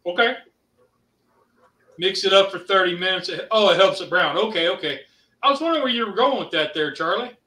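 An Ohio co-host on a casual livestream chats and reads out viewer comments at a fairly quick clip, pausing often and leaning on lots of fillers in a hesitant way. His high-sitting voice is animated and sharp in tone, picked up by a distant mic in a roomy space.

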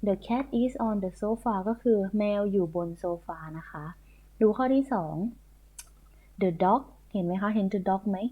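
A woman's voice: medium pitch, unhurried. A woman teaching a primary school English lesson online, patiently repeating and spelling words letter by letter. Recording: tinny phone-like audio.

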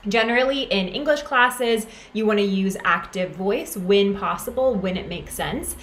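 A woman's voice: mid-range voice, moderate pace, fairly bright tone. Woman teaching grammar in a roomy echo. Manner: clear explanatory teaching, frequent "right?" checks. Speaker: writing instructor. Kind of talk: lecture over slides. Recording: roomy echo, faint background ambience.

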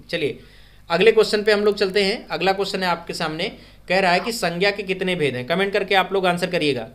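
A man teaching a live online grammar quiz, repeating each question and urging viewers to comment their answers fast. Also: sits high, a bit bright. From India. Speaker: online exam-prep teacher. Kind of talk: live-stream Hindi grammar quiz lesson.

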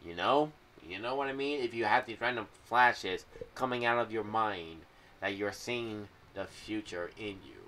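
A young adult man rambles unscripted about fan theories for his videos, halting and wandering as he goes, with a sharp edge to his tone. He's in a small room at home on a boom-arm mic with a pop filter and wearing headphones, and the recording is clearly noisy.

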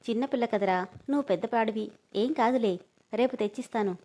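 Woman doing a loving father, firm, coaxing, middle-aged, storybook reading, fairly high pitch. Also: fairly quick, warm tone, close to an everyday voice.

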